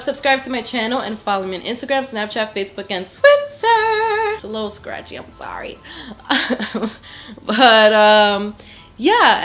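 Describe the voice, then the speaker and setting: Her voice fairly high and fairly bright, a twenty-something beauty vlogger with a cold-induced nasal sound gives a casual makeup tutorial from a small home studio. She keeps apologizing and filling gaps with ums and likes.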